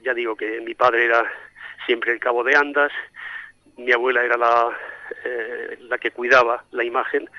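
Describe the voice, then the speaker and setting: Heard over a dull, lo-fi line that sounds like a phone, a middle-aged man with a Spanish accent, a priest, responds thoughtfully to interview questions, frequently pausing and repeating words while searching for the right ones. He was born in Santomera, Murcia, grew up in Madrid, and has a mid-range voice with no echo.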